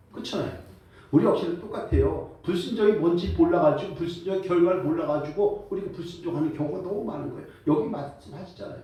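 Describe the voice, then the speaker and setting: A man preaching as pastor, lively and joking, calling for responses from the congregation. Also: fairly high pitch. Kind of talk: sermon. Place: church sanctuary. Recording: echoey church hall, voice from far off.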